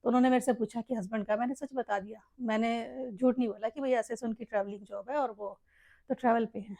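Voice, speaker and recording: A middle-aged woman with a Haryanvi accent, a mother and family vlogger, chats casually and emotionally in a heartfelt vlog, with rambling asides and frequent calls of "bhai" to her listeners. Her voice is a little high, darkish and steady, she talks fast, and there's no echo.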